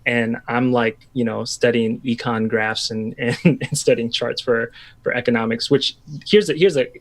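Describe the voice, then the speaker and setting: A man in his thirties from Washington state talks as a podcast guest, his voice gravelly with a narrow, level pitch. He muses aloud, circling back and restarting his thoughts. He sounds like a pastor in casual conversation. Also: steady tone, moderate pace. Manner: chatty, reflective, full of restarts and fillers.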